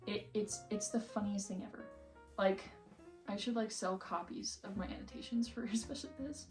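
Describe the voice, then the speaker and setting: A woman's voice: medium pitch, moderate pace, darkish tone. A young woman with an American accent chatting casually and ramblingly, in a self-deprecating, giggly way, as a vlogger. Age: young adult. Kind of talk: casual chatty vlog while organizing books. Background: background music.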